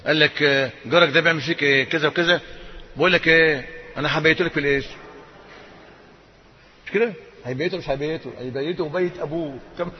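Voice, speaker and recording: A man with an Egyptian accent giving a lively, colloquial sermon in a mosque. He acts out little dialogues, jumping into sudden high voices. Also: a little hiss or hum. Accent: Egyptian Arabic. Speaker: preacher. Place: mosque hall. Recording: echoey hall, dull lo-fi sound.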